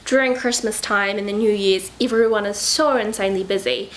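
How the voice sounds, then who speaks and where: A woman's voice: mid-range voice, steady tone, fairly quick, slight background noise, poor audio. A young woman talking casually and reflectively to the camera in a lifestyle vlog, with many fillers and self-corrections. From Southern Hemisphere. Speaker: lifestyle vlogger.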